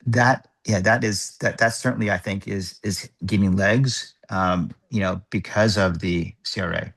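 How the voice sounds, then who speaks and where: A man chairing an online work group meeting, thinking aloud in a halting, measured way over a video call microphone. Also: low voice, fairly even intonation, creaky, a bit bright.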